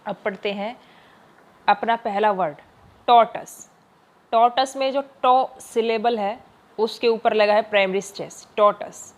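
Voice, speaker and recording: A woman teacher giving an exam-focused lesson, explaining patiently, mixing in English terms and slowly stretching out each example word. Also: medium pitch, steady tone.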